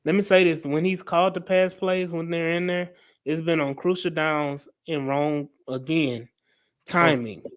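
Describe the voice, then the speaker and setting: A man with a Texan accent co-hosting a sports podcast, animated and quick to laugh, breaking in to read listener comments. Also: a little high, clear, resonant tone. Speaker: podcast co-host. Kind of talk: casual sports talk.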